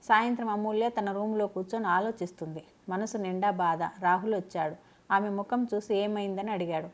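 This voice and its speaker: A woman narrating a scripted family drama in a steady, dramatic storytelling manner. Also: medium pitch, brisk.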